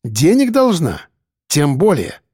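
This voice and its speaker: A man's voice: high voice, very animated, a little fast, darkish tone, no echo, clean studio sound, pitched above the performer's own voice. A man voicing a lazy, dismissive male police desk officer. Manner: dismissive, grumbling.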